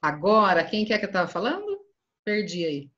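A middle-aged woman teaching Portuguese in an online class, drilling verb conjugations, calling on students by name and praising them briskly. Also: medium pitch, wildly swooping pitch, fairly bright tone. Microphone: video call. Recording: dull, lo-fi video call audio.

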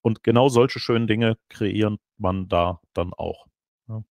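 A middle-aged man on a headset, answering questions at an online conference, animated but full of hesitations and restarts. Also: on the low side, unhurried, vocal fry, dry recording. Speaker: keynote speaker. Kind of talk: conference Q&A over video call.

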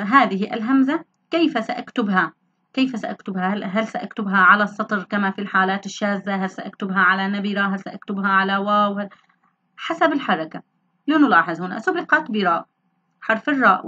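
A woman teaches a grammar lesson, posing questions to her class and answering them herself. Her voice is bright and forward, and the recording sounds slightly dull and lo-fi. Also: mid-range voice. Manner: explanatory, asks and answers her own questions.

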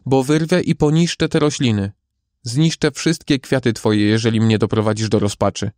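A frantic young mother begs and cries out in a high, strained voice, as a male storyteller puts her on. She sounds close to tears in a fairy-tale audiobook. The reading is dry and close, with no room sound. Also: moderate pace, no room sound, close to an everyday voice. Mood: desperate. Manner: high, loud, pleading outbursts. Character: desperate grieving mother, pleading and crying.

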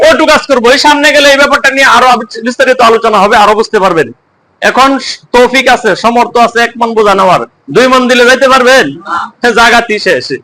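Male teacher in a mosque: high, bright, sharp voice; drills the class with call-and-response questions. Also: slight background noise, rough recording. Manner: keeps quizzing the class by repeating questions, tells homely examples. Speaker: Quran teacher.

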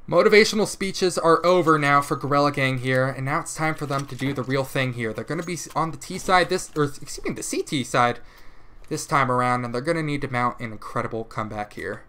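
A man casting a competitive shooter match alone, giving rapid play-by-play that jumps up in pitch and volume at big plays and corrects himself as he goes. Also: pushed and bright. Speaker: esports caster. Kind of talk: live esports play-by-play commentary.

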